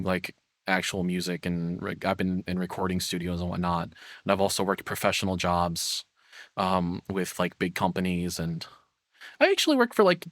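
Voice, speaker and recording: Low and slightly bright, this man's voice comes through in clean studio quality with no room sound. He's a streamer and VTuber host rambling through a casual, opinionated rant, poking fun at himself as he chats with viewers.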